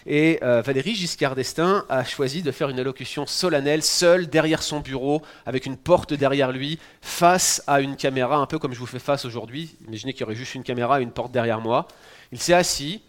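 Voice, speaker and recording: A French-accented male pastor in his forties preaches a sermon. He talks to the congregation in a relaxed, conversational way, teaching with humorous asides. His voice sits at an ordinary middle pitch. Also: brisk. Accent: French (France). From France. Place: church in Quebec.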